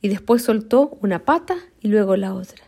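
A woman reading a children's story aloud in an expressive, slow, deliberate way, sometimes stumbling and restarting a word. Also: mid-range voice, vocal fry.

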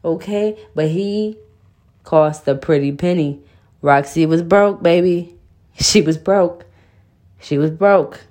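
Slow-talking, low-voiced young woman vlogger. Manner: animated, profane, laughing asides. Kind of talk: casual story recap.

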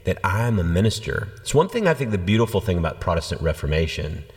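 A low-voiced man speaks as a pastor in an easygoing, conversational way. His voice sits well down in pitch, and a long reverb trails behind it. He tells things with an animated storyteller's energy. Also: fast. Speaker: senior pastor. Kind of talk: conversational church podcast teaching.

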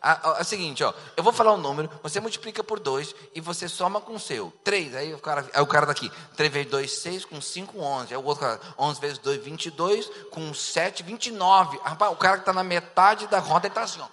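A man preaches as a pastor, trading jokes with his congregation in an animated sermon. His voice is bright and sits fairly high. The sound carries a long reverb, as in a large church hall. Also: a little fast, few pauses.

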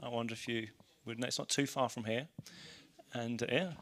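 A man's voice: medium pitch, steady tone, brisk, fairly bright tone. An English man presenting an informal seminar in an explanatory, slightly hesitant way. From English Midlands. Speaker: church leader presenting a seminar.

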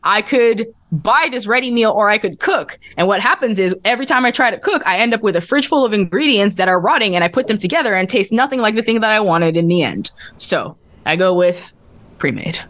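A woman's voice: mid-range voice, expressive, a little fast, a bit bright. A woman explaining things casually as a podcast guest, in an informal, slangy way. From outside the US. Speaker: podcast guest, research scientist.

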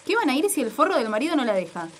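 A woman with an Argentine Spanish accent playing an indignant, sharp-tongued coworker in a comic audio sketch. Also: sits high, very animated, slight background noise. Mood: scornful. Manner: quick, scornful.

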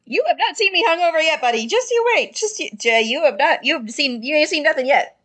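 A woman's voice: high voice, lively intonation, fairly bright tone, pitched above the performer's own voice. A woman voicing an eager, clingy young man who gushes and repeats himself. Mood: boastful. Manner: rapid, gushing, repeats himself.

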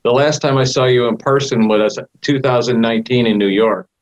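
A middle-aged or older man co-hosting a podcast in casual, halting talk that often repeats words. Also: mid-range voice, fairly even intonation, lo-fi sound. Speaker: podcast co-host. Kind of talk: casual interview chat.

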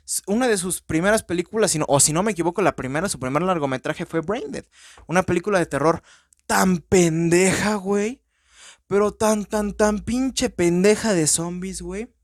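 A man with a Mexican accent hosting a podcast, rambling through a casual, profane, excitable movie-review monologue. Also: sits high, normal speed, no room sound, studio quality. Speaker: podcast host.

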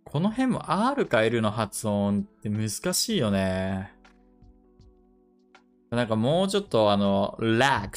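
A man hosting a casual dictation lesson. He thinks aloud and repeats English phrases slowly to check how they sound. His first language is Japanese. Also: lowish voice. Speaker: podcast host leading a dictation session.

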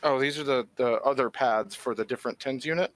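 A man's voice: mid-range voice, a little fast, a bit bright. A man in casual chat who speaks in brief, dry quips.

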